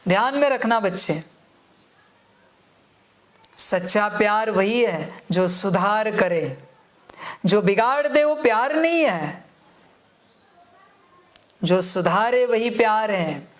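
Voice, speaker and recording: A woman's voice: mid-range voice, animated, takes it slowly, pauses often. A woman giving a devotional discourse, addressing her listeners as children and repeatedly reminding them to pay attention, in an admonishing tone. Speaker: spiritual teacher.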